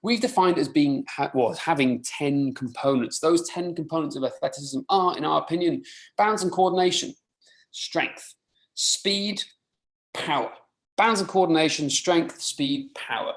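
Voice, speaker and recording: At a moderate pace, a man with a fairly high voice presents a fitness webinar informally and live. He is from rural mid Wales, a first-language Welsh speaker, and the recording carries a roomy echo.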